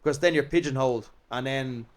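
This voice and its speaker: A man's voice: medium pitch, a little fast. An Irish man, an actor and comedian, chatting as a guest in a rambling, self-deprecating way. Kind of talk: casual interview chat.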